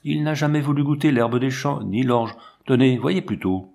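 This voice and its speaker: A man voicing an excitable, grieving guide who leads soldiers on a lion hunt, speaking emphatically and with many exclamations. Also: medium pitch, moderate pace, gravelly, lightly acted. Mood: exclaiming.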